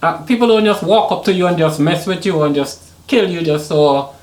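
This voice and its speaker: A Caribbean hip hop artist from Saint Vincent and Trinidad talks casually as a podcast guest, his accent a blend of Vincentian and Trinidadian with a bit of American. His voice is fairly high and darkish in tone, at a normal speed, in a reverberant space.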